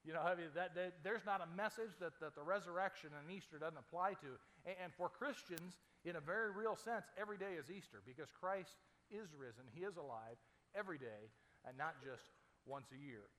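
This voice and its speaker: A man from Arizona delivers an Easter sermon from the pulpit of a church. His voice sits a little high for a man, and he keeps it relaxed and conversational, dropping in folksy asides as he goes. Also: a little fast, long reverb tail, a little hiss or hum. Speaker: pastor.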